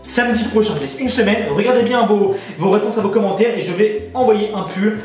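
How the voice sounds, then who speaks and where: A man's voice: high-pitched, fairly quick. A man chatting casually to his viewers on a headset mic as he unboxes things, eager and addressing them as friends. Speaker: YouTuber. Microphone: borrowed headset. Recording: echoey, distant headset sound with music.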